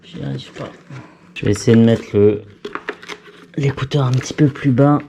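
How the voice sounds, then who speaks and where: Male vlogger, self-mocking running chatter while working, mellow tone, faint noise floor. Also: mid-range voice, normal speed. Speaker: vlogger fitting a helmet intercom. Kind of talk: casual talk to camera while working.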